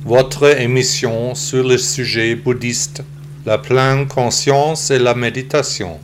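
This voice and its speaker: A synthetic, computer-generated male voice reading a scripted podcast introduction as the host, in a steady, measured way. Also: mid-range voice, faint music behind.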